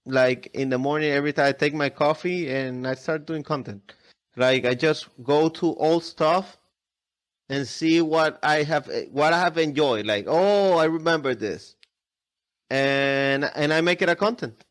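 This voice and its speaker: Higher-voiced man, non-native English speaker. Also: measured pace. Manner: non-native English with repeated words and restarts. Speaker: podcast guest, airsoft video creator. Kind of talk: casual interview chat.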